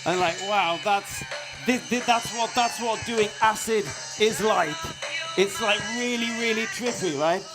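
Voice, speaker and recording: A middle-aged man, raised in Norway, speaking at a conference, halting and self-deprecating, full of restarts and fillers. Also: high-pitched, music in the background. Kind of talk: hesitant conference talk. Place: conference hall stage.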